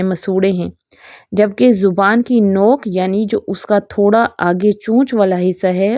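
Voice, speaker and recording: A woman teaches a tajweed lesson, explaining each point patiently and often pausing to check in. Her voice sits at a medium pitch. The recording is dull and dry, with no room sound. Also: a little mellow, no echo. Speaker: Quran recitation teacher.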